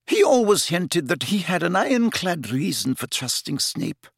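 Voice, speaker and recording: A man's voice: high voice, very animated, moderate pace, creaky, slightly rough, no room sound, clean studio sound, pitched above the performer's own voice, exaggerated voice. A man voicing an older, stern woman professor in an audiobook, shocked and tearful, with a faint, wavering, distracted manner. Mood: tearful muttering.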